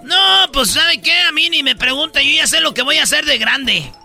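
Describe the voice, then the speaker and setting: A man tells jokes in a high, lively, animated voice that swings widely in pitch. His tone is very bright. Faint music plays behind him. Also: moderate pace, vocal fry. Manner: lively, animated, jumps between silly voices. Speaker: comedian telling jokes. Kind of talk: comedy sketch and joke telling.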